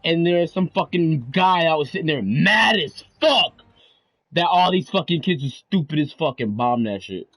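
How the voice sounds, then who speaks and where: A man's voice: a little high, expressive, normal speed, a bit bright, dry recording. A man chatting casually on a gaming stream, blunt and teasing, swearing heavily. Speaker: co-player on stream. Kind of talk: casual chat while gaming.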